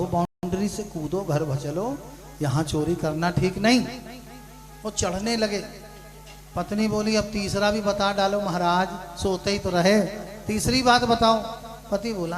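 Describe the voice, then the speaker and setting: A male preacher telling a parable in a sermon, switching between quiet storytelling and loud shouted lines. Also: high voice. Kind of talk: sermon storytelling with acted dialogue.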